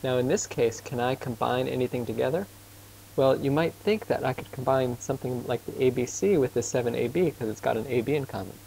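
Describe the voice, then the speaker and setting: Creaky and a little mellow, this man's mid-range voice guides a student through math with casual patience, peppering the lesson with questions and confessing that he talks fast. Slight background noise runs through the low-quality recording of the informal tutoring.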